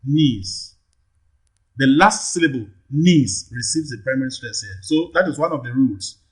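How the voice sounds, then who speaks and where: A man with a Nigerian English accent teaching an exam-prep lesson, slowly repeating words and checking in with "okay" and "all right". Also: mid-range voice, lively intonation, a bit bright, slightly rough. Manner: slow, drawn-out repetition of words, frequent "okay" checks. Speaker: English tutor.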